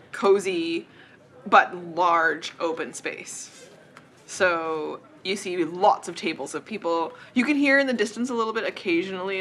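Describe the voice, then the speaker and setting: Bright-voiced woman running the game. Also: mid-range voice. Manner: chatty, laughing, with filler pauses. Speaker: game master. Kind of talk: narrating a tabletop game.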